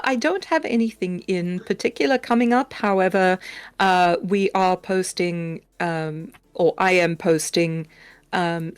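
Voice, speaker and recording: A woman's voice: lowish voice, smooth, dry recording. A woman guest on a podcast who makes audio content, chatting playfully and laughing at herself. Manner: playful, giggly, self-mocking. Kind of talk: casual podcast chat.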